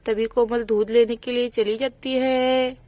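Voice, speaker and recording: Slow, high-voiced woman storyteller. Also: level tone, mellow, no room sound. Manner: simple, step-by-step narration. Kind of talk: children's storybook narration.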